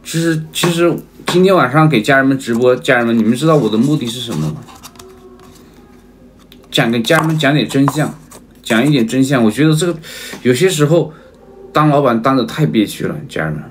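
A man's voice: medium pitch, lively intonation, brisk, a little hiss or hum. Emphatic man livestreaming to his viewers. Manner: keeps addressing viewers as family, asks for agreement; repetitive, emphatic. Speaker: livestream seller.

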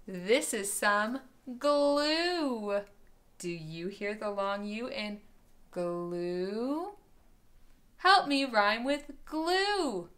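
A woman teacher giving a children's phonics lesson, sounding out each word slowly and clearly for young learners. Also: a little high, a bit bright.

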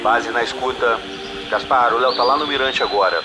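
A man at base answering over a walkie-talkie and giving brisk instructions to the field team. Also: mid-range voice, music in the background. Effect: over a walkie-talkie radio. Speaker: base radio operator.

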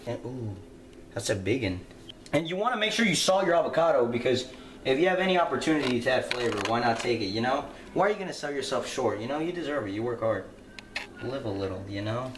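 A young man, a home cook vlogger, films himself cooking in his kitchen, explaining casually and swearing with cocky confidence. His medium-pitched voice is expressive and fast. A handheld camera nearby picks up an echoey room and slight background noise.

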